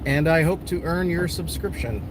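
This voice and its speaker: A man with a slightly high voice talks casually to a livestream while out storm chasing. His phrasing is conversational and a little hesitant, with clear vehicle noise all around him. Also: normal speed. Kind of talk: casual live commentary. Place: in a car on the road. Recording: noisy vehicle interior, road noise.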